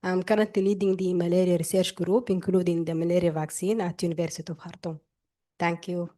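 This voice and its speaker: A woman with a Sudanese accent introduces herself and her work to a group, speaking haltingly with pauses. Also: lowish voice, flat delivery, warm tone. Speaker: course participant, malaria researcher. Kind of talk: spoken self-introduction to a group.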